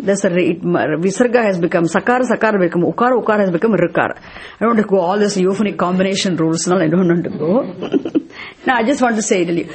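A woman with a Tamil accent teaches a class on Sanskrit and Vedanta scripture, explaining it verse by verse. She repeats key phrases emphatically and checks understanding with tag questions, her voice medium-pitched and darkish.

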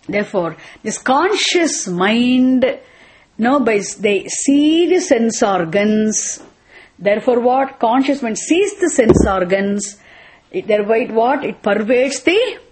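A woman with a Tamil accent teaching a spiritual lecture in a didactic way, often checking with short questions that listeners follow. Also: a little high. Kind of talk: Vedanta lecture, explanatory teaching.

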